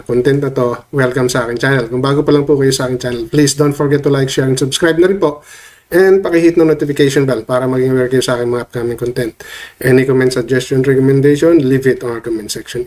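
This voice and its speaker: A man with a head cold talks to camera for his vlog, his voice a touch off from the sniffles. He keeps the commentary loose and conversational, pausing to check in with his viewers every few phrases. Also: mid-range voice, a little mellow. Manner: chatty, tags lines with questions to viewers. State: has a cold, voice a bit off. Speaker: vlogger commenting on online drama.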